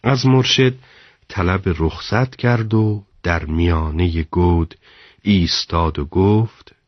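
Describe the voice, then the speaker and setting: A man narrating a story in a measured, dramatic storytelling delivery. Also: low voice, dry recording, dull audio.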